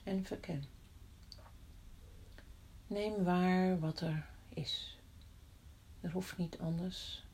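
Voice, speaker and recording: Slow, soft-spoken woman guiding meditation. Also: lowish voice, rough recording. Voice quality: soft, often whispered delivery. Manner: slow, calm, with long pauses. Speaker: meditation guide. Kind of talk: guided body-scan meditation.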